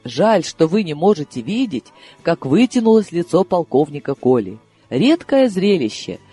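High, lively male audiobook narrator. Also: moderate pace, slightly rough, faint music behind. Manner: lively, ironic storytelling.

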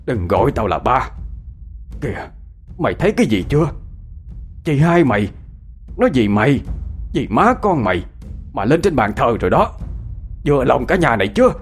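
A man's voice: medium pitch, sing-song, moderate pace, long pauses, slightly rough, soft background music. A man voicing a stern old father who scolds harshly. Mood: angry.

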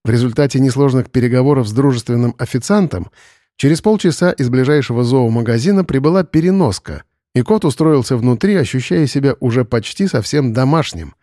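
Man with a dark, measured narrating voice. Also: mid-range voice, expressive, no room sound, clean studio sound. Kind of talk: audiobook narration.

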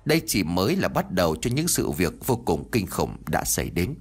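Male narrator, ghost story, husky lowish voice, lively swinging pitch. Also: normal speed. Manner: dramatic, emotive reading.

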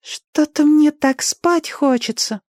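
A reader voicing a sleepy, dazed young boy's ghost who talks slowly in an audiobook. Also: high voice, darkish tone, dry recording, clean studio sound, voice pushed up. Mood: drowsy dazed. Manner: drowsy, slow and wondering. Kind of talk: audiobook character voice.

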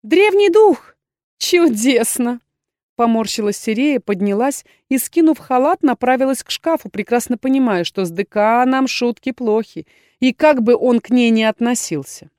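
A woman narrating a first-person fantasy story with lively, expressive reading. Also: on the high side, normal speed, no echo, studio quality. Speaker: audiobook narrator.

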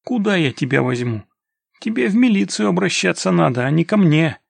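A man voicing a stern male army scout commander who barks orders, with a gravelly, husky voice. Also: high-pitched, lively intonation, a little fast, no echo, pitched above the performer's own voice, exaggerated voice. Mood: commanding. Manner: barking commands.

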